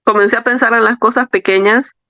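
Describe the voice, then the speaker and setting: A woman's voice: a little high, fairly even intonation, brisk, bright, forceful tone, dry recording. A woman from El Salvador, a guest on a podcast, telling a personal faith testimony in an earnest, reflective way that circles back on her words. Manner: earnest, reflective storytelling with repetition. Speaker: interview guest. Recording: slightly dull, dry recording.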